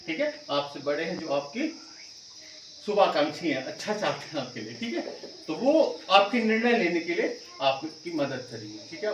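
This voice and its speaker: A male school teacher with a high voice explains a lesson patiently, often pausing to check that the class follows. He sounds roomy and a little distant from the mic, with faint insect sounds behind him. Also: a bit bright, a little hiss or hum.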